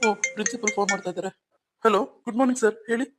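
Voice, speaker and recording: A man voicing a calm, reassuring young husband in a cartoon story. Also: high voice, racing, loud music behind the voice, natural voice. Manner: soothing, reassuring.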